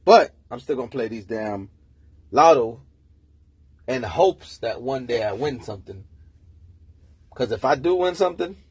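Early one morning in a room, a man hosts his own podcast, delivering a casual solo rant and telling a story full of swearing in a profane, animated way. His mid-range voice moves at a measured pace with long pauses and a breathy edge, and there's no echo.

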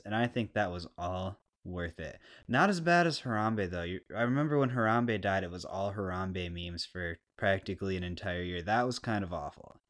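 A man with a harsh stoner skater voice, rambling casually and unscripted through a solo podcast with crude, self-deprecating humor, clearly recorded on a podcast mic. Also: lowish voice, fairly bright tone. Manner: laid-back, rambling and unscripted. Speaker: podcast host. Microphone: podcast microphone, clean close sound.

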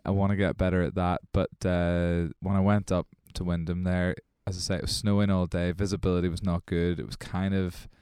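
Brisk and barely pausing, a low-voiced man rambles through a laid-back podcast chat stuffed with fillers. His smooth voice comes through clean studio sound with no echo in the small podcast room.

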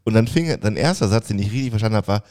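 A man co-hosting a casual podcast from an office, venting his frustration in quick, rambling bursts with frequent restarts. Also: on the low side, lively intonation, a little mellow. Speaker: podcast co-host.

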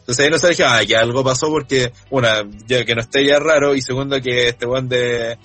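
Fast, husky Chilean man chatting. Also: medium pitch, fairly even intonation, sharp tone, soft background music. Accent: Chilean Spanish. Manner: rambling, slangy storytelling with many restarts. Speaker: podcast co-host. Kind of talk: casual chat about wrestling.

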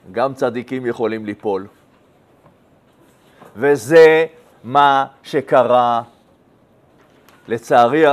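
A rabbi, a man with a high voice, teaches a Talmud lesson as a story. He shifts between raised and hushed tones and keeps checking in with his listeners by asking them questions. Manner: animated storyteller, swings between loud and hushed.

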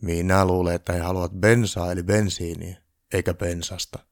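A man voicing an unflappable old Santa Claus who speaks calmly and deliberately. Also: low-pitched, no echo, studio quality. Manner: calm and deliberate.

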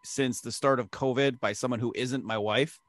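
A Midwestern American man co-hosts a movie podcast, chatting casually and making jokes while often slipping into silly put-on accents. His voice is medium-pitched and a bit bright, with fairly even intonation, a moderate pace, and no echo.

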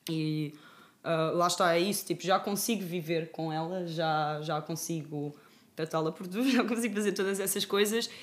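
A woman's voice: lowish voice, fairly even intonation, normal speed. A young woman speaking as a podcast guest in casual conversation, open and reflective, with lots of fillers.

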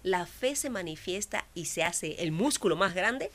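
A woman, a guest telling a personal faith story with lively acted-out dialogue. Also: on the low side, moderate pace. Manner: expressive, acts out dialogue, drops to whispers. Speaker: guest sharing a faith testimony.

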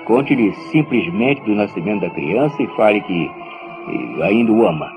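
An actor with a Brazilian accent playing a stern, protective and persuasive brother in a radio soap opera, speaking with theatrical emphasis. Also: male voice, on the low side, very animated, moderate pace, lo-fi sound. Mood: calculating, persuasive. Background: music.

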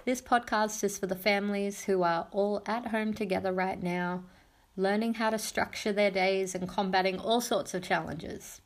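A woman's voice: mid-range voice, steady tone. Soothing woman guiding mindfulness. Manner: soothing, unhurried instructions with pauses. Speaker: podcast host and mindfulness guide. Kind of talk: guided meditation for families.

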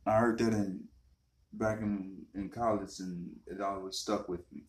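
A man co-hosting a casual chat from a home garage, explaining things in a loose, halting way. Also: low voice, steady tone, roomy sound. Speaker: podcast co-host.

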